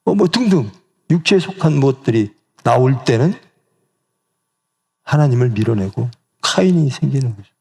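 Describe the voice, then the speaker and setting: Gravelly, lively male pastor preaching. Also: medium pitch, moderate pace, long pauses. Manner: rhetorical questions to the congregation, acting out quoted voices. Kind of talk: sermon. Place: church sanctuary.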